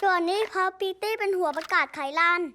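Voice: very high voice, quick pace, bright, forceful tone, a little hiss or hum. A performer voicing a curious, eager little boy bunny in a preschool cartoon, with childlike exclamations. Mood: fond. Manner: childlike, full of small exclamations.

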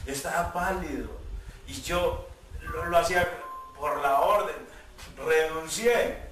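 A man's voice: a little high, takes it slowly, a bit bright, slight background noise. A middle-aged Colombian man with a Paisa accent giving an emphatic spoken testimony, acting out dialogues in quoted voices. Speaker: speaker giving a conversion testimony. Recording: echoey, from far off the mic.

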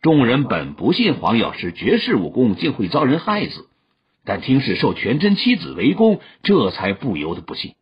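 Husky lively storyteller man. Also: mid-range voice, normal speed. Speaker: audiobook narrator. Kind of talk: scripted wuxia novel narration. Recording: dull lo-fi audiobook recording.

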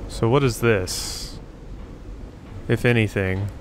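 A man with a lowish voice speaks slowly, offering casual let's-play commentary as a gaming YouTuber. He thinks aloud in a rambling way, often repeating his phrases, while faint game ambience plays in the background.

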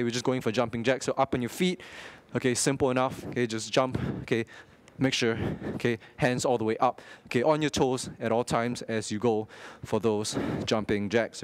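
A young man instructing a workout, energetic, talking in short clipped cues and counts with frequent okays while exercising. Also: medium pitch. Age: young adult. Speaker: fitness instructor.

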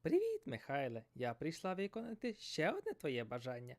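A man's voice: fairly high pitch, wildly swooping pitch, moderate pace, pitched above the performer's own voice. A man voicing a kind, encouraging female magic fish in a storybook. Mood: gentle.

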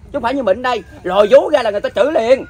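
A man runs a dried-fish shop and banters loudly through a comic sales skit, exclaiming and teasing as he goes. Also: very high-pitched, lively intonation, very fast. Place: outdoors in the sun.

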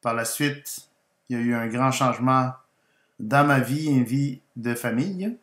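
This language teacher and channel host, a native Spanish speaker who left Guatemala for Quebec, Canada when he was ten, recounts something from his own life at an unhurried, instructive pace. Every phrase is delivered deliberately in a mid-pitched voice with a slightly bright quality, and the roomy recording leaves noticeable echo around him.

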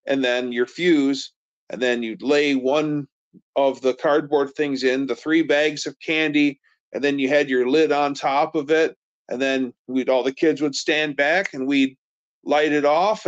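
A middle-aged man co-hosting a casual live chat, telling folksy stories and chiming in with quick agreement. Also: a little high, no echo. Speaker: co-host of a car show live stream. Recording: dull dry lo-fi stream audio.

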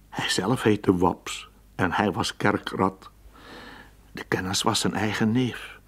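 A man narrating children's stories in a calm, gently amused way. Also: lowish voice, slightly rough. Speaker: storyteller. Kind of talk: storybook narration.

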